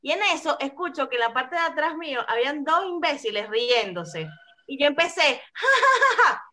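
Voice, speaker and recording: A woman with a Venezuelan accent chatting on a podcast, telling stories in a lively, crude way. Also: high voice, moderate pace. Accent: Venezuelan Spanish. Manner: lively, vulgar, animated storyteller. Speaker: podcast co-host. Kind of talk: casual chat, storytelling.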